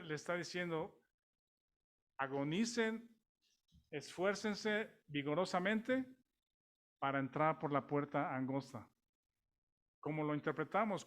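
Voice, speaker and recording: A man's voice: a little high, fairly bright tone. A man with a Mexican accent preaching a sermon in a conversational way, with many restarts and rhetorical questions to the congregation.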